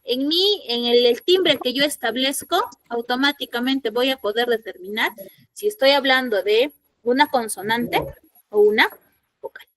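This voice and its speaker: Woman, schoolteacher, online class, high voice, dry close sound, asks students questions, repeats the rules. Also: measured pace, a bit bright, no echo. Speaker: secondary school language teacher. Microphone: computer mic in an online class.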